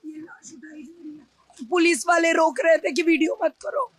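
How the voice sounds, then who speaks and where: A woman's voice: very high voice, normal speed, no echo. A young woman shopkeeper speaking as an eyewitness, tearful and distressed, her voice choked and sometimes raised. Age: young adult. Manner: distressed, raising her voice, mixing in English.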